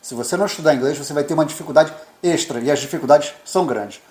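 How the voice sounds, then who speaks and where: This immigrant journalist from Brazil, in his fifties, races along in a fairly high, darkish voice while co-hosting a laid-back chat. He wanders and repeats himself, with echo from the room.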